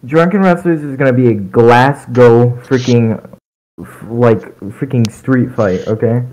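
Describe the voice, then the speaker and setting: A man's voice: medium pitch, unhurried, a little mellow, slight background noise, low-quality recording. A man teasing and hyping in a rowdy gaming voice chat.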